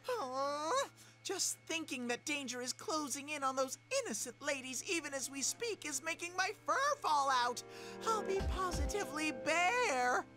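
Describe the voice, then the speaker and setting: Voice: sits high, expressive, normal speed, sharp tone. An actor voicing a cheerful, fretful bear mascot in a video game, bubbly and playful. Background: game music.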